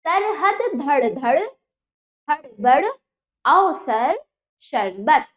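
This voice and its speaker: A woman teaching children to read, sounding out each word syllable by syllable and then saying it whole. Her voice sits high and swoops up and down. The recording is dull and lo-fi. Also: big pitch swings. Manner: breaks words into syllables and repeats them slowly for children. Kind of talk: children's reading lesson.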